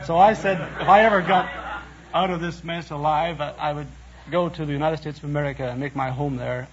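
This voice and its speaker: An Irish man from Donegal answers questions earnestly, in a formal and slightly stiff manner. His voice sits a little high. The recording is a muffled 1950s radio transfer. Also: a little hiss or hum. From Ireland. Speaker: quiz contestant.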